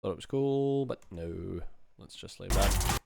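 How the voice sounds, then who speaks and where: Muttering short, casual fragments into a close mic, a sound designer in his thirties thinks aloud while working in a small indoor room at home. His low-pitched, creaky voice is animated yet unhurried. Heavy background noise comes from loud music drowning over his voice.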